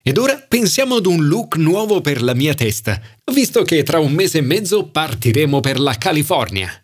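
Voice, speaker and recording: A man's voice: a little high, sing-song, moderate pace, breathy edge, pitched above the performer's own voice. A man voicing a coaxing, upbeat young woman. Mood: cheerful. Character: confident, persuasive young professional woman. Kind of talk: audiobook character voice.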